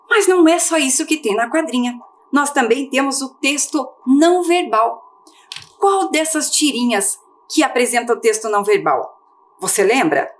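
A woman's voice: a little high, a little hiss or hum. A woman teaching a televised primary-school lesson in Brazilian Portuguese, patiently asking questions and answering them herself. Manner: patient, asks and answers her own questions.

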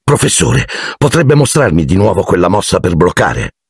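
A man voicing an earnest, defiant twelve-year-old boy wizard, quick to anger, for an audiobook. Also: deep voice, big pitch swings, slightly rough, no room sound, studio quality, heavily acted.

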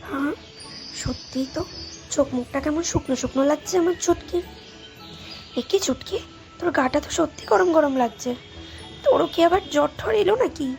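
A nagging cartoon mom. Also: female voice, sits high, a little fast, vocal fry, long pauses, a little mellow, soft background music. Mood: wary. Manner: nagging, scolding, then soothing. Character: scolding but caring young mother. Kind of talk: Bengali cartoon voice acting.

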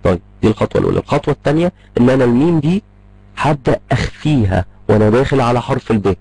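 Fast-talking Egyptian man teaching tajweed. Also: medium pitch, lively intonation, warm tone, slightly rough, low-quality recording. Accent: Egyptian Arabic. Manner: rapid, repetitive explaining, checks in with "tamam?". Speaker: Quran recitation teacher. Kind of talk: online tajweed lecture.

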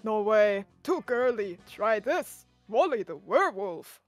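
A woman voicing a stubborn teen monster student in a lower, slower voice, with blunt, dismissive phrasing. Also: very animated, faint music behind.

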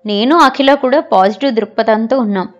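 A cheerful, easygoing brother, read by a woman narrator speaks his mind plainly and warmly backs his sister. The voice stays a bit high, with faint music behind. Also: a little fast, dull audio, lightly acted. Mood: earnest. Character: good-natured younger brother, easygoing man.

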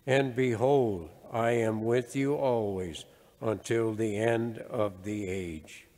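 A man's voice: on the low side, steady tone, a little mellow. Older man reading gospel in cathedral echo. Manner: measured, deliberate phrasing. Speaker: deacon. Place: large church, at the ambo. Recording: cathedral echo, long church reverb.

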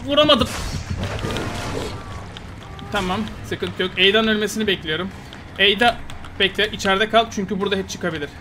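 A Turkish man giving heated, taunting commentary while playing a game, swinging between loud outbursts and muttering. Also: sits high, fast, noisy background. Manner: excitable, frustrated, taunting, swings loud and quiet. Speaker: gaming YouTuber. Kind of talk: live gameplay commentary.

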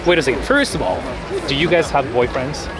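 A man with a Japanese accent asking passers-by questions in a casual, animated street interview, often repeating their answers back. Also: mid-range voice, brisk. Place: busy city square outdoors. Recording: loud crowd and music behind. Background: crowd and music.

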